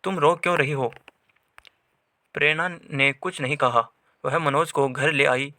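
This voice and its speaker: A man narrating a dramatic story in a steady, scripted read. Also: fairly high pitch, dry recording, studio quality.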